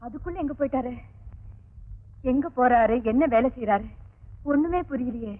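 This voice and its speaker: A woman's voice: sits high, lively intonation, moderate pace, narrow, tinny audio. An actress playing a worried woman calling out for a missing man, in an old film soundtrack. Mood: anxious. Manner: anxious, calling out.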